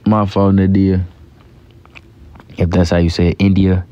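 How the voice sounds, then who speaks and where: A young American man chatting casually on a livestream, answering comments in a tired, laid-back, slangy way with a gravelly voice. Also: low voice, little pitch movement, measured pace, mellow. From Gary, United States. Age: young adult. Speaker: live streamer, actor. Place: small room indoors, lying down. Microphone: handheld phone at close range. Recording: muffled phone livestream with background noise.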